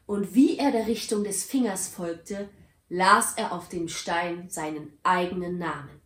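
A woman narrating a story aloud with a dramatic, expressive reading. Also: fairly low pitch, a little slow. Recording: roomy echo.

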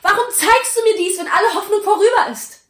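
A woman voicing a frightened old miser who pleads in despair, his voice rising high. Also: sing-song, normal speed. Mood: desperate pleading. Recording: roomy echo.

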